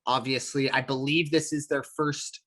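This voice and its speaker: A man's voice: medium pitch, flat delivery, moderate pace, fairly bright tone. A man co-hosting a casual sports podcast, rambling with lots of fillers and restarts. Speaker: podcast co-host.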